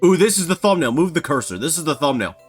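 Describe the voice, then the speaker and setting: A man's voice: fairly high pitch, quick pace, slightly rough, faint music behind. A man giving casual, rambling let's-play commentary, self-mocking and prone to startled yelps. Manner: excitable, yelps and shouts when startled. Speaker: gaming YouTuber.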